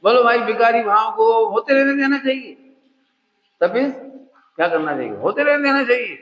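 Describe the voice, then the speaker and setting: A man's voice: very high-pitched, animated, normal speed, dull audio. Man giving a spiritual discourse in an echoey hall. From India. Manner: asks the audience questions and repeats points. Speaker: Jain scholar giving a discourse. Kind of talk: religious discourse.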